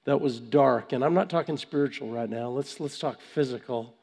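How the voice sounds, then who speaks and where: Gravelly preacher with a cold. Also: male voice, medium pitch, darkish tone. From Vancouver, Canada. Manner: halting, with repeated words and pauses for emphasis. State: has a cold. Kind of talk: conversational sermon. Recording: long hall reverb.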